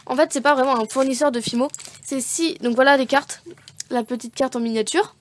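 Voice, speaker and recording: A woman's voice: sits high, brisk, slight background noise. A woman chatting casually as she shows off craft and nail art supplies, rambling and correcting herself as she goes. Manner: chatty, rambling, self-correcting with many fillers. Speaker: beauty vlogger showing craft supplies. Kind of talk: casual unboxing chat.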